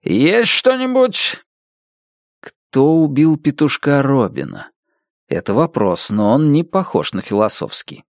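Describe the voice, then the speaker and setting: Male audiobook narrator, lively pitch. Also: unhurried, no room sound, clean studio sound. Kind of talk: scripted narration.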